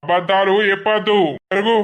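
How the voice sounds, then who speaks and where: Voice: medium pitch, flat delivery, a little fast, a bit bright, close to an everyday voice. A voice actor doing a brusque village policeman. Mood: stern. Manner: brusque, commanding. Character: stern male village police officer.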